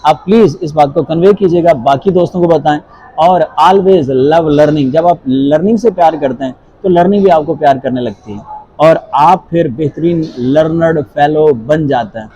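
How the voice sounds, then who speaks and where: A man's voice: on the high side, moderate pace, dark tone, poor audio. A man with a Punjabi-influenced Urdu accent teaching an English grammar lesson, mixing in English phrases and asking rhetorical questions.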